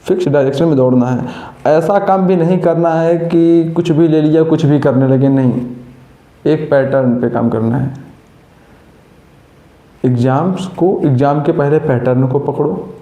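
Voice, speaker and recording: Male coaching teacher, warm higher voice, roomy echo, scolds and motivates. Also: unhurried. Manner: scolding and coaxing students with rhetorical questions. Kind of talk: motivational classroom talk.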